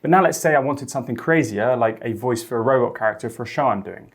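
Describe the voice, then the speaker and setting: Chatty guy doing a software tutorial, upbeat, average pitch, keen. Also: fast talker. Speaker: host.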